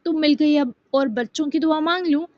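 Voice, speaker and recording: A woman voicing an affectionate, teasing grown man, a romantic lead, in a soft, doting manner. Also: high-pitched, no echo, natural voice. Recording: dull dry lo-fi sound.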